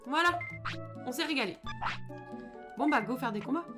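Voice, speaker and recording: A woman's voice: high-pitched, lively intonation, moderate pace. A young woman with a French accent streaming a video game live, chatting casually and joking while she thanks her viewers. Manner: chatty, jokey, reads chat aloud. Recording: music playing behind the voice.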